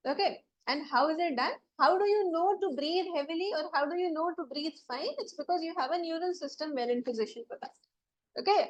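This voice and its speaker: A woman's voice: high voice, low-quality recording. A woman teacher giving a classroom lecture, explaining step by step and often checking that students follow. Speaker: biology teacher.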